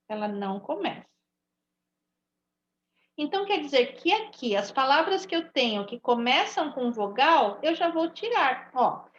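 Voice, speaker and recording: A woman with a Brazilian Portuguese accent, teaching an online Portuguese lesson to young children and stretching out each word slowly. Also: sits high, roomy sound, muffled recording. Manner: slow, drawn-out word-by-word dictation. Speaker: primary school teacher.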